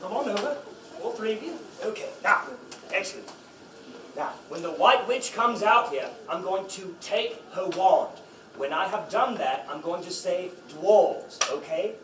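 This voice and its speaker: A man's voice: sits high, lively intonation, unhurried, noisy background. Upbeat man coaxing audience volunteers. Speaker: actor leading audience volunteers. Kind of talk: audience participation in a children's play. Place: library event room. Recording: echoey room from far off.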